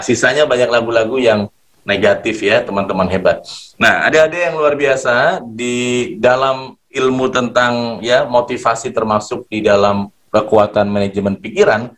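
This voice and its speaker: A man leading an online motivation class for schoolchildren, coaxing and energetic, leaning on the same phrases again and again. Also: medium pitch. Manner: energetic, coaxing, repeats "ya" and "luar biasa". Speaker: motivational trainer.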